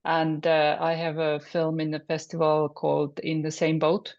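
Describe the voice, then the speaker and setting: A woman from Finland, a filmmaker guest introducing herself haltingly over a video call, with soft laughs between phrases. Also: sits low, completely flat delivery, lo-fi sound.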